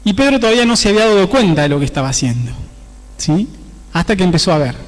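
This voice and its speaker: High-voiced preacher in a reverberant church. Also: male voice, animated, quick pace. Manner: conversational preaching, often tagging phrases with a questioning "¿sí?". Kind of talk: sermon.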